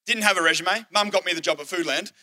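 A young Australian man, a youth pastor and teacher, preaching earnestly and telling personal stories, slowing down to stress key lines. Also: high-pitched, sharp tone. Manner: earnest storytelling, acts out quoted speech, slows for emphasis.

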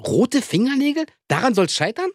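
A man's voice: extremely high pitch, normal speed, no room sound, clean studio sound. A man co-hosting a podcast, chatting casually and telling stories that he acts out with voices. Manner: animated storyteller, acts out quotes. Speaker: podcast co-host. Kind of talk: casual chat.

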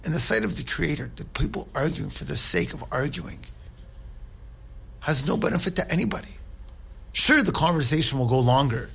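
A man's voice: fairly high pitch, lively intonation, normal speed, vocal fry, a bit bright, breathy edge. A man giving an informal religious talk, earnest and conversational, who often checks in with his listeners. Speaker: Islamic speaker.

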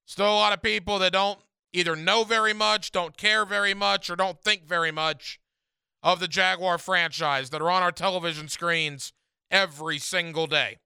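A man's voice: high-pitched, fairly even intonation, moderate pace, vocal fry, pushed and bright, clean tone, no room sound. A man hosting sports radio in the style of a contest promo, speaking emphatically, repeating phrases and addressing listeners directly. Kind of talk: radio contest promo, announcing a ticket giveaway to callers. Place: radio studio.

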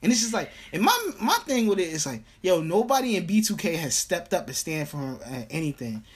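A young man co-hosting a casual podcast chat, telling stories in loose, slangy, animated talk. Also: high voice, fairly quick, slightly rough. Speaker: podcast co-host.

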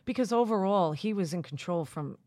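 A woman's voice: on the low side, expressive, a little fast, a little mellow, no echo. Chatty Long Island woman podcaster. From Long Island, New York. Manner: chatty, agreeable, trails off. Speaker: podcast co-host. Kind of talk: casual chat.

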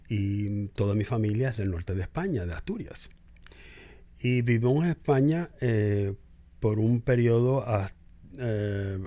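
Cuban-born man in his 60s, low-ish register, hesitant, dry close mic. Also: a little mellow, no echo. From Cuba. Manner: hesitant, many drawn-out "eh" pauses. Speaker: guest, physician. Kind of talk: reflective interview talk.

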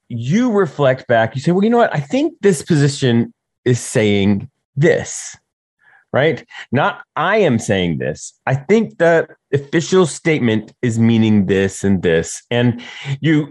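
Animated man giving ministry advice. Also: mid-range voice, dry recording. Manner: animated, often asks "right?" to check in. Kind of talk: conversational teaching talk.

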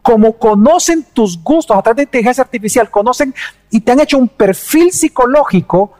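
A man's voice: very high voice, lively intonation, a little fast, a little mellow. Man, preacher, earnest sermon, talks straight to listeners, long hall reverb. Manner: earnest, conversational, addresses listeners directly. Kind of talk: sermon with storytelling.

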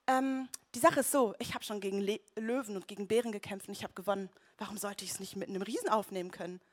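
A man's voice: sits high, quick pace, close to an everyday voice. A woman voicing a bold young shepherd who speaks plainly and confidently. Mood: casual.

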